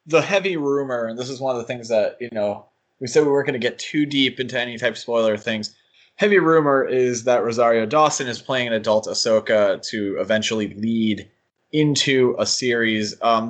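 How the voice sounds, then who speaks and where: This podcast co-host has a medium-pitched, fairly bright male voice. He talks casually and speculates out loud, hedging and dropping asides as he thinks.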